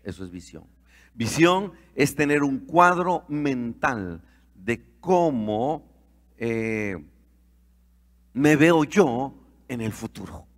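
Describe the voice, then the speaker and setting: Slow, emphatic preaching pastor, man. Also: medium pitch, sing-song, big-room sound. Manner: preaches emphatically with rhetorical questions to the congregation. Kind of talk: sermon.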